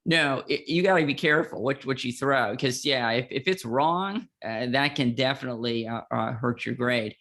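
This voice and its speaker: Gravelly guy chatting about law, jokey and self-mocking. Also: mid-range voice, moderate pace, hardly any pauses, fairly bright tone. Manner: playful, self-mocking, explanatory. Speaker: podcast co-host, law teacher. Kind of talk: casual explanatory chat.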